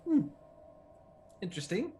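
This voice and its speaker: A man's voice: unhurried, mellow, a little hiss or hum. A man chatting casually and jokingly as a player in a tabletop role-playing game.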